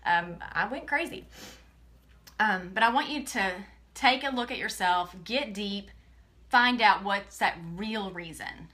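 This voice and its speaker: Tearful woman, bright voice. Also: mid-range voice, unhurried. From Texas. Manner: earnest, emotional, often near tears, talks straight to viewers. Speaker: direct sales presenter. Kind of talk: tearful motivational live video.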